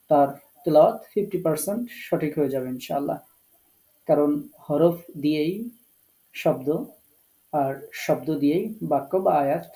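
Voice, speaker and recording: Teaching Quran recitation online, this Bangladeshi Bengali-accented man explains earnestly, pausing often and slipping English words in. The voice is on the high side with a dark tone, and the audio quality is poor.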